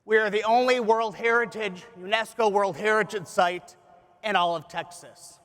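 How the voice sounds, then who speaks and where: Man, high voice, polished upbeat corporate pitch, keynote speech, echoing hall. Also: normal speed, a bit bright. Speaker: tourism executive giving a keynote speech. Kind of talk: scripted keynote presentation. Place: large conference hall on stage. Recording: echoey large hall with audience.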